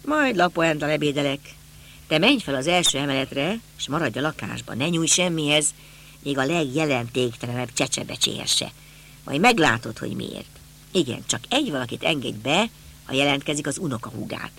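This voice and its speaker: A man voicing a calm, authoritative middle-aged police inspector. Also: a little high, gravelly, a little hiss or hum, heavily acted. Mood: instructing. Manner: measured, authoritative.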